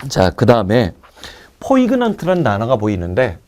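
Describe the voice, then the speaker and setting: A man teaching an English vocabulary lecture, drilling word roots with quick asides to his students. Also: medium pitch, wildly swooping pitch, a little mellow. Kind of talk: recorded online lecture.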